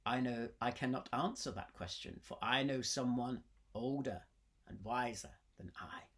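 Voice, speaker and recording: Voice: mid-range voice, measured pace, fairly bright tone. A storyteller voicing a wise, grey-bearded old Irish sage who humbly defers to elders in an oral legend. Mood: humble, solemn.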